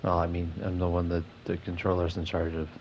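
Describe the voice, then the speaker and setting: A man's voice: low voice, completely flat delivery, brisk, background noise. A man giving casual gameplay commentary, making critical, nitpicking asides as he plays. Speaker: let's player.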